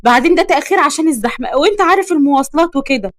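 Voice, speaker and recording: A woman's voice: sits high, rapid-fire, no echo, clean studio sound. Woman doing a bubbly Egyptian girl. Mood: joking. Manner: excitable, joking. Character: bubbly, clumsy young woman music teacher.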